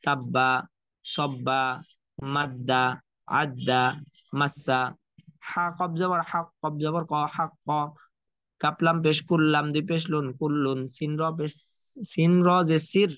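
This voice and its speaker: A man teaching Quran reading, spelling out Arabic letters and vowel marks slowly in a repetitive drill. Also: on the high side, steady tone, fairly bright tone, clean tone, no room sound. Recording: dull lo-fi dry recording.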